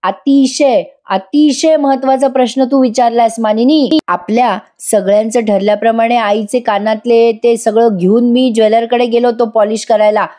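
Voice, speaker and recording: Furious stern father, shouting accusations, raised and mellow-toned, put on by a woman. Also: fairly high pitch, close to an everyday voice. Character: angry stern father scolding his son.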